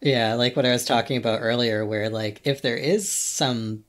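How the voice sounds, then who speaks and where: A man co-hosting a casual podcast chat, easygoing, quick to laugh. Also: medium pitch, steady tone, a bit bright. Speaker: podcast co-host.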